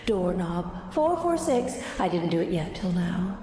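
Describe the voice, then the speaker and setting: A synthetic female text-to-speech voice with an ethereal, dreamy, distant sound, reading chat messages in a flat, oddly paced way. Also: lowish voice, a little slow, faint music behind. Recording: roomy long reverb.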